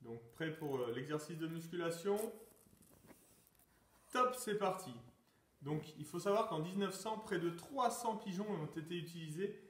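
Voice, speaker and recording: A man's voice: on the high side, moderate pace. Man hosting a sports quiz in an echoey room. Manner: announcing questions, calling out "top!" to start exercises. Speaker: sports teacher. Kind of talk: lockdown quiz and exercise session. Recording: echoey room, mic far off.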